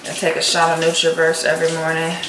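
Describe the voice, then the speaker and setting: A woman's voice: low voice, fast, noisy background. Young woman vlogging from an echoey kitchen. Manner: chatty, relaxed, talks while cooking. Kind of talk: casual kitchen vlog. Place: home kitchen, indoors. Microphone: camera on the counter. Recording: echoey kitchen with loud music.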